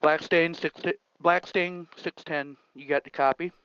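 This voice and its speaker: A man making a solemn, drawn-out ceremonial call over CB radio, with muffled radio sound. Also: a little high, steady tone, a bit bright, clean tone, no room sound. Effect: CB radio transmission. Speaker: trucker giving a memorial final call.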